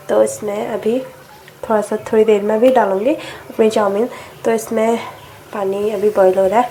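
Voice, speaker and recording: A woman's voice: mid-range voice, warm tone, a little hiss or hum. A young woman chatting casually as a vlogger, talking along while she cooks and teasing family members playfully. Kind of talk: casual cooking vlog narration.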